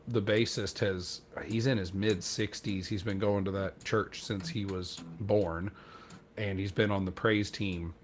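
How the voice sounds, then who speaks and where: A man's voice: fairly low pitch, a little hiss or hum. A man on a podcast telling a rambling, self-deprecating story in casual chat, acting out what other people said. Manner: acts out quoted dialogue. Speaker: podcast co-host.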